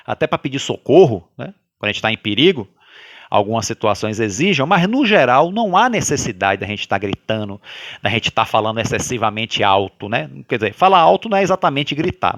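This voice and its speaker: A man with a Brazilian Portuguese accent leading a guided religious study, talking loudly by habit and often checking in with his listeners. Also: mid-range voice, no echo. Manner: animated, sways between loud and soft. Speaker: study group leader.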